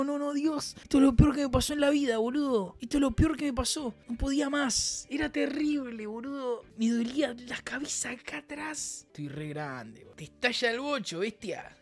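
A man's voice: high-pitched, a little mellow, no echo. A man with a Rioplatense Argentine accent chatting casually on his stream, rambling and joking in heavy slang.

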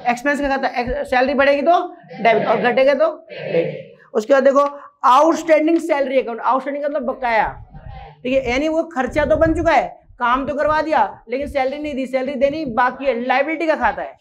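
A man teaching an accounting class, repeating each rule and putting quick questions to his students. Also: very high-pitched. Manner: drills rules by repeating them and quizzing students. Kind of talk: classroom lecture. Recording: dull lo-fi recording.

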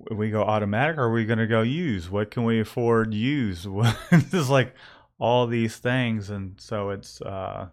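A man's voice: on the low side, unhurried. Man, shop-owner host, casual rambling talk with restarts. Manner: rambling, self-correcting, joking. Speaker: co-owner of a screen printing shop, channel host. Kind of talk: casual chat. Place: screen printing shop.

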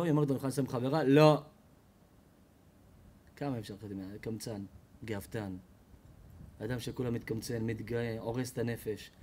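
A man, a rabbi, giving an animated Torah class to an audience, telling stories and acting out the people in them. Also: a little hiss or hum. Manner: expressive storyteller, acts out quoted people with loud high shouts. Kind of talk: animated sermon.

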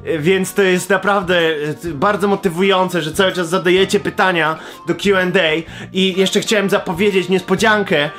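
A sarcastic, crude young man answering viewer questions in a comedic vlog, deadpan. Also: high voice, normal speed, few pauses. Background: music.

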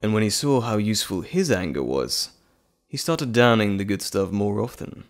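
Playing a menacing, teasing monstrous alter ego in a dramatic audio roleplay, a man drawls theatrically and mockingly with dramatic pauses. His lowish, natural voice is animated, and he sounds smug and insinuating.

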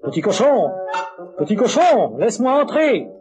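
A man's voice: very high-pitched, very animated, unhurried, pitched above the performer's own voice, heavily acted. A man voicing a sly, hungry big bad wolf in a storybook record with music. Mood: menacing.

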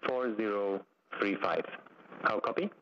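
A man working as a flight controller, making halting, procedural calls over a space-to-ground radio loop, with plenty of fillers. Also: on the low side. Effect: crackly space-to-ground radio loop with clicks. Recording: muffled, noisy radio channel.

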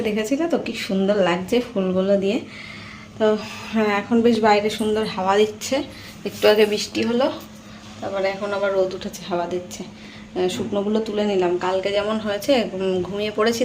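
A young Bengali woman from India, chatting casually to her viewers in a home vlog, her voice a little hoarse from a sore throat. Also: mid-range voice, darkish tone, slight background noise. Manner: chatty, addresses viewers directly with fillers. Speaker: vlogger. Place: at home, in and out of doors.

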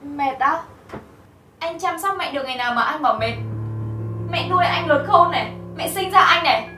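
A woman's voice: high voice, moderate pace, bright, forceful tone. An actress playing a devoted young wife who presses her husband with reproachful questions. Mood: indignant. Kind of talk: melodrama acting. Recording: roomy, distant mic, music behind.

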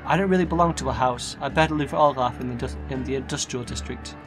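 Talking fast in a mid-range voice, a gaming video host casually narrates his gameplay, murmuring to himself and reading the on-screen text out loud over background game music.

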